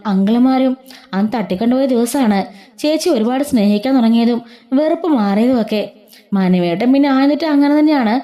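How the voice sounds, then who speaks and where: A woman's voice: a little high, mellow. A woman casually retelling a TV serial episode, reading out the characters' lines in her own voice. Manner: retells dialogue in quotes without changing voice.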